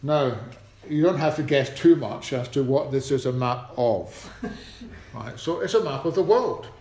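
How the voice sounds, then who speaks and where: A man's voice: mid-range voice, lively intonation, measured pace, darkish tone, slight background noise. Man preaching in an echoey church. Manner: chatty, asks the congregation questions. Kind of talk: children's talk at a church service. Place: church hall.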